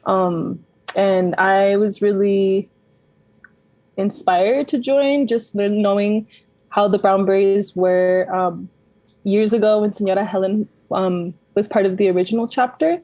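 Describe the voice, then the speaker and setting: A woman in her twenties from Denver, a community organizer speaking softly and hesitantly as a guest on a radio interview. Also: mid-range voice, a little slow, no room sound. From Denver, USA. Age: 20s. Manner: soft-spoken, hesitant ums.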